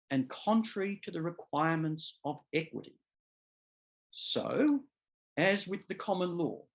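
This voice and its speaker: A middle-aged law professor, whose voice sits fairly high, gives an academic seminar lecture. He speaks deliberately and emphatically, often restating and correcting himself mid-phrase.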